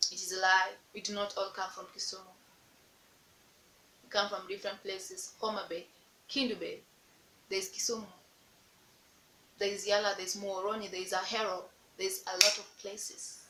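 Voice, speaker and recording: In a casual vlog recorded in an echoey room with slight background noise, a young Kenyan woman with a Luo accent talks directly to camera. Her mid-range voice is bright and forceful as she keeps teasing the viewer with playful, repetitive rhetorical questions.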